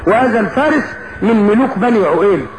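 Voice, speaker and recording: A man's voice: high-pitched, expressive, quick pace. A man with an Egyptian Arabic accent telling a folk epic as an Arabic cafe storyteller, addressing his listeners directly and moving between formal phrases and colloquial asides. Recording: roomy echo, clear background noise.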